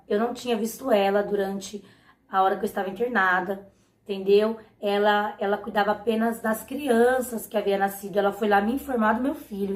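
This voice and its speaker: A young woman with a Brazilian Portuguese accent telling her own faith testimony, speaking earnestly and often turning to her viewers. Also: medium pitch. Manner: earnest, often turns to the audience. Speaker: mother giving a faith testimony. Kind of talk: personal storytelling to viewers. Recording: echoey room.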